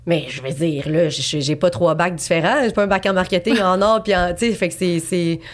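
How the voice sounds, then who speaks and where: A woman's voice: on the low side, a little fast. Chatty young Québécoise woman. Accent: Quebec French. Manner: chatty, rambling, many fillers and restarts. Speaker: guest artist. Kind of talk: casual interview chat.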